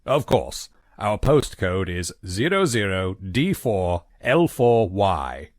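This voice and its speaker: A long-suffering butler in a point-and-click game, formal and dryly polite. His voice sits very low, but its pitch rolls up and down expressively. The sound is close and dry. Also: very animated, slow, no room sound, full character voice.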